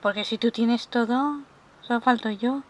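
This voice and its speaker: A woman's voice: a little high, normal speed. A woman from Spain with a Spanish accent, streaming a game and chatting with lots of exclamations. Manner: chatty and expressive, with frequent exclamations. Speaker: gaming streamer. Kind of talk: live-stream chat.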